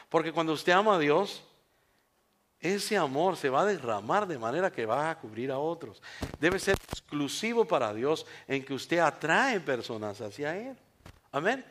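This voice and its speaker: A man preaching a sermon, animated and storytelling, building to emphatic peaks. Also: on the high side. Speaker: pastor.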